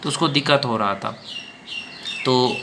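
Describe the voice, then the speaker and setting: A man's voice: mid-range voice, measured pace, creaky, noisy background. A man giving a preachy advice talk, lecturing viewers in a repetitive, direct way and calling them brother. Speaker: advice video speaker.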